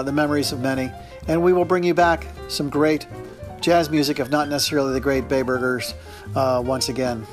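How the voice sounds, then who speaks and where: A man hosting an interview podcast who asks long, rambling questions with many restarts. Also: mid-range voice. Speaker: host and interviewer.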